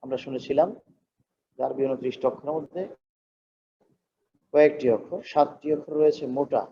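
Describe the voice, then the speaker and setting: A man's voice: mid-range voice, fairly even intonation, fairly quick, warm tone. A man, an imam, teaching Quran recitation. He explains patiently and chants the verses long and drawn out. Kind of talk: slow Quran recitation lesson. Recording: dull lo-fi recording with faint noise.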